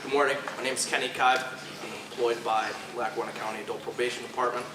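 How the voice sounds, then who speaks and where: A man who works as a drug court probation officer, speaking nervously and haltingly on a panel. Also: mid-range voice, flat delivery, heavy background noise. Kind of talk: panel presentation. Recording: echoey room from far off.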